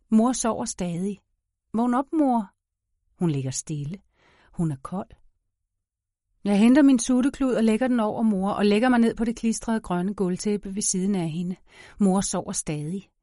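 Low-voiced woman narrating an audiobook. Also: no room sound, clean studio sound. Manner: measured, expressive storytelling.

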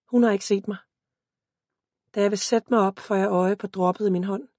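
A woman reading a first-person story aloud as an audiobook narrator, in a calm, steady voice. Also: medium pitch, no echo, clean studio sound.

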